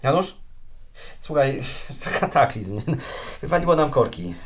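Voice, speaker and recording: A fussy grumbling husband. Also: male voice, mid-range voice, measured pace. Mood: flustered. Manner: exasperated, wheedling, lively intonation. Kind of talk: radio comedy acting.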